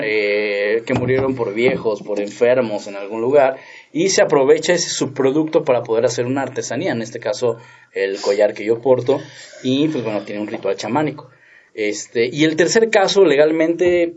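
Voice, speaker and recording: Give me a man explaining calmly on a podcast, slightly dull recording. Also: medium pitch, a little hiss or hum. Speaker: veterinarian guest. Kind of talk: casual podcast chat.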